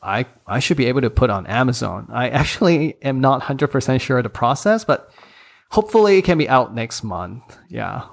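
Fairly quick and full of big pitch swings, a medium-pitched man in his thirties with a Hong Kong accent chats as a podcast guest; he creates courses and uses English as a third language. Vocal fry runs through his candid, self-deprecating, laugh-filled talk.

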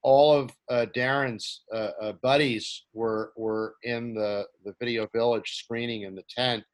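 A man hosts an interview and poses long, winding questions, restarting as he searches for words. His pitch sits in the middle range. The delivery is conversational and unscripted. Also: fairly even intonation, unhurried.

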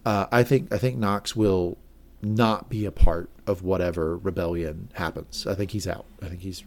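A man's voice: deep voice, steady tone, moderate pace, a little mellow. A man co-hosting a podcast, recapping a TV episode in a rambling, self-correcting way and speculating about what comes next. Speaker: podcast co-host.

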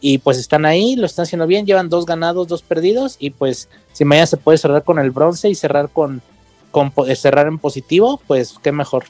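A man's voice: a little high, fairly quick, a little mellow, dry recording, faint music behind. A man, a podcast guest talking casually and hesitantly, full of fillers. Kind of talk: casual interview chat.

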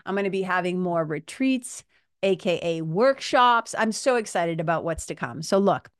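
A woman's voice: on the low side, lively intonation, moderate pace, no echo. New woman, dry close-sounding motivational talk. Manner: informal, conversational and emphatic, with salty slang. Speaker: podcast host and spiritual coach. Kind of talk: casual motivational monologue to listeners.

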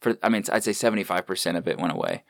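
Laid-back thirties male podcast host, low pitch, dry studio sound, casual and profane. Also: very fast, no room sound. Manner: laid-back, swears freely, many fillers. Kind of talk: casual chat. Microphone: studio microphone without headphones.

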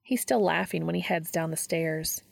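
A woman reading a fan story aloud in a steady storytelling narration. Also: fairly low pitch, normal speed, gravelly, no room sound. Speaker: fanfiction reader.

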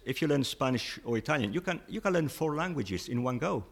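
A man's voice: mid-range voice, expressive, fairly quick, gravelly. A man who learned English as a second language, patiently explaining with examples in casual interview chat. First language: not English.

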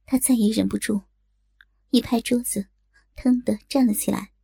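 A woman narrating a martial-arts tale in a steady, scripted audiobook delivery. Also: on the high side, moderate pace, creaky, husky, no room sound, studio quality.

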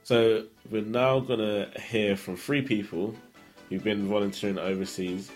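A man's voice: on the low side, level tone, unhurried, faint music behind. A man hosting a podcast, easygoing and hedging as he chats and asks his guests questions. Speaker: podcast host. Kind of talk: casual chat and interviewing.

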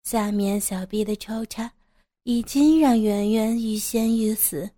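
A woman narrating an erotic audio story in a slow, even reading voice. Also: fairly high pitch, no room sound, clean studio sound.

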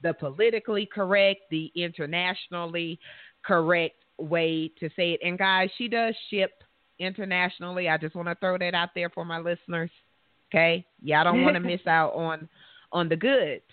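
A woman's voice: on the low side, moderate pace, dry recording. A woman hosting a radio interview, enthusiastic and often restarting her sentences. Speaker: radio show host. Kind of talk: casual interview. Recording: thin phone-line sound, dry.

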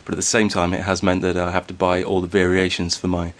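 A man's voice: deep voice, monotone, fast talker. Hesitant, carefully spoken English man. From northern England. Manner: hesitant, many fillers and restarts, careful enunciation. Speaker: podcast host. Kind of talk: casual podcast interview.

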